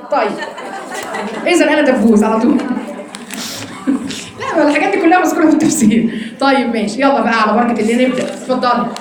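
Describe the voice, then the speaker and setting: A woman with an Egyptian accent teaching an interactive Quran study lesson, quizzing her students in a quick, teasing way. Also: high-pitched, very echoey. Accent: Egyptian Arabic.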